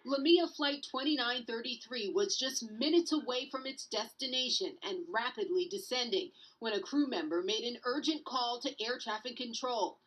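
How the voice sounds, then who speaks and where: A woman's voice: on the high side, normal speed, hardly any pauses, a bit bright, poor audio. A woman news correspondent narrating a scripted television report.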